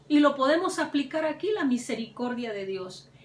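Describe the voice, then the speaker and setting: A woman's voice: high-pitched, lively intonation, moderate pace, slight background noise. A woman preaching a sermon with fervor, her voice climbing on the words she stresses. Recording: echoey room, mic at a distance.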